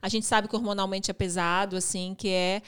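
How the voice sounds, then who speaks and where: A woman's voice: medium pitch, level tone, fairly quick, fairly bright tone, smooth. A woman from Brazil co-hosting a podcast, chatty and affectionate, chatting casually with guests. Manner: chatty, affectionate, coos at the baby. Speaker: podcast co-host.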